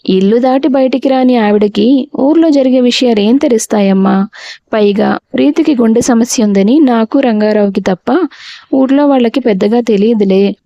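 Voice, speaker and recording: A woman reading the lines of a calm older village man who lends money, in an audio storybook. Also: fairly high pitch, moderate pace, dry recording, natural voice. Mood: calm explaining. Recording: dull, dry lo-fi recording.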